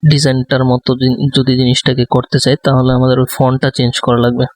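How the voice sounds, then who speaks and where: A man giving a design tutorial, speaking softly close to the microphone and thinking aloud with many fillers. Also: medium pitch, monotone, fast talker, no room sound. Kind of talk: live screen-recorded tutorial.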